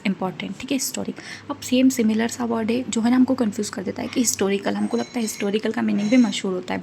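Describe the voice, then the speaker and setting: Woman doing a casual book review, reads word lists out loud, keeps checking in, bit of vocal fry. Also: mid-range voice, slight background noise. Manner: mixes English vocabulary into Hindi explanation.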